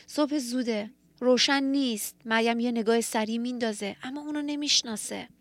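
A woman delivers a sermon, retelling a scripture story in an earnest, reflective tone. Her voice sits a little higher than most. The sound is dry and close, with no room echo. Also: fairly bright tone. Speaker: preacher.

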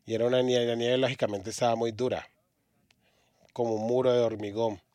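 A man from Australia preaching a sermon in a church, halting often and restarting his words. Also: mid-range voice, level tone, dark tone, no room sound.

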